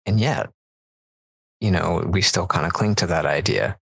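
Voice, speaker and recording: A man hosts a casual podcast, his voice low and gravelly. He sounds relaxed and restarts sentences as he talks. The recording is dry and close. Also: measured pace, no echo, poor audio. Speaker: podcast host.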